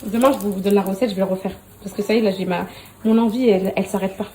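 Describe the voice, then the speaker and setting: A woman vlogging casually on her phone at home, chatty and excitable, talking straight to her followers and laughing often. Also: mid-range voice, racing, slight background noise. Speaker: lifestyle vlogger. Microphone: phone held at arm's length.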